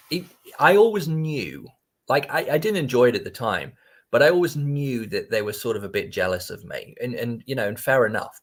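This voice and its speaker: An English man as a podcast guest, talking reflectively and hesitantly, often restarting his sentences. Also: medium pitch. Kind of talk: casual interview chat.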